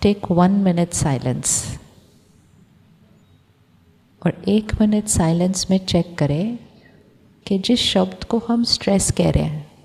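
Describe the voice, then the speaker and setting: A woman giving a calm, reflective spiritual talk to an audience of doctors, asking them questions and mixing in English phrases. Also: on the low side, gravelly, long reverb tail. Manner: mixes Hindi with English phrases. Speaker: spiritual teacher.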